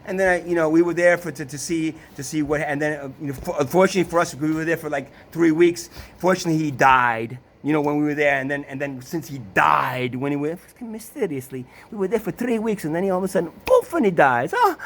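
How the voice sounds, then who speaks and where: Animated and fast with hardly any pauses, a man from Italy recounts his family in a casual personal story. His voice is a little high and fairly bright, and he trips over restarts and repeated words while swearing often and firing off sarcastic rhetorical questions.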